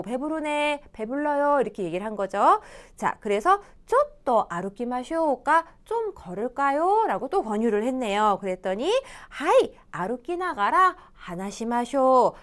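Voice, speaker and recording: A woman teaching a Japanese lesson, explaining grammar patiently and reading example dialogues slowly and clearly. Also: fairly high pitch, very animated, fairly bright tone. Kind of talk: video lecture explaining grammar.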